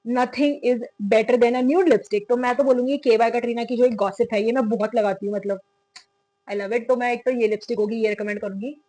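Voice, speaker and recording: A woman's voice: fairly high pitch, fairly even intonation, fairly quick, mellow, low-quality recording. A young woman with an Indian accent chatting through a makeup tutorial, switching freely between Hindi and English. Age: young adult. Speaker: makeup vlogger.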